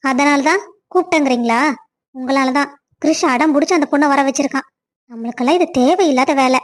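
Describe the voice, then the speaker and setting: A woman's voice: high-pitched, a little fast. A woman voicing the women of a family cartoon story, one after another.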